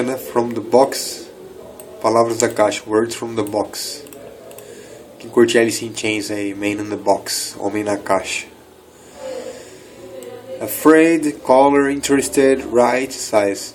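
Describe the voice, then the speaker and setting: A Brazilian man in his thirties gives a relaxed English lesson at a middle pitch. He drops into slow, careful reading of phrases, then speeds back up for quick explanations. Faint noise sits under the recording. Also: poor audio. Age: 30s. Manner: explains in quick asides, slows down to read English. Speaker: English teacher. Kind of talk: casual bilingual language lesson.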